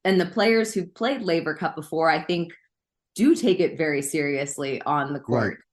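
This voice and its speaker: A woman guest on a tennis podcast, giving thoughtful, measured opinions over a video call. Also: low voice. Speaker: guest commentator. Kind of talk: casual interview chat.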